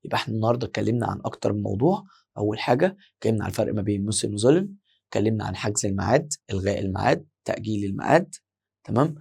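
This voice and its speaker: A man with an Egyptian Arabic accent teaching German for exams. He explains step by step, repeats words slowly and quizzes his students. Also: on the low side, lively intonation, creaky, a little mellow, slightly rough. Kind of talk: exam-prep lesson.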